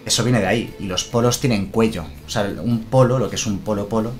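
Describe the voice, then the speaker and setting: A man's voice: fairly low pitch, a little fast, music in the background. A man from chatting casually on a live stream, explaining things and answering viewers' comments.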